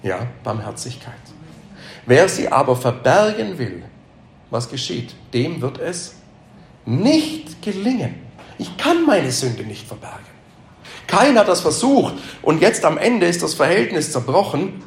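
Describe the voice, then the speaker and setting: A man's voice: fairly high pitch, big pitch swings, a little slow, gravelly. A man teaching a Bible lesson to a live group, asking them questions and repeating their answers, with emphatic repetitions. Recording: echoey room.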